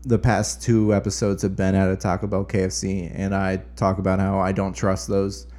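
A man's voice: deep voice, monotone, moderate pace, darkish tone. A man hosting a podcast, asking plain, curious questions in casual chat. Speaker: podcast host.

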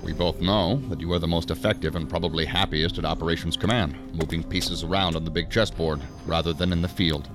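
A man acts a senior assistant director in a sci-fi radio drama. His voice sits very low, and he speaks with measured, wry authority. Clear music plays underneath. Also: fairly even intonation, natural voice. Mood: measured, firm. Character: male senior assistant director of a federal agency, dry, authoritative. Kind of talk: science fiction audio drama acting.

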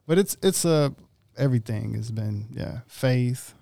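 A man from Mississippi talks casually as a guest, unhurried and halting, often circling back to restart a thought. His voice has a gravelly, fry-edged texture. The sound is close and dry. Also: medium pitch, lively intonation, warm tone, dry recording. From Mississippi, USA. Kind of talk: casual chat.

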